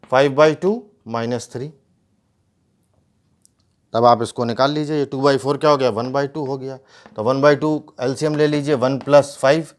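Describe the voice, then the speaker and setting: A man's voice: medium pitch, a little mellow. A male math teacher, explaining steps and asking rhetorical questions. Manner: mixes English math terms into speech. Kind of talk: whiteboard math lesson.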